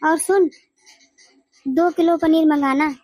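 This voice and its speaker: A woman's voice: sits high, steady tone, slow pace, darkish tone. A woman voicing a bossy, scolding mother-in-law in a family cartoon. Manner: nagging, scolding.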